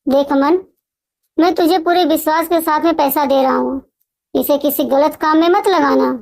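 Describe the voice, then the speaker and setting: An honest, hardworking elder brother, played by a woman storyteller, earnest and stern with his wayward sibling in a storybook tale. The voice stays high-pitched. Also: steady tone, normal speed, vocal fry, a little mellow. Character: honest hardworking older brother, family man.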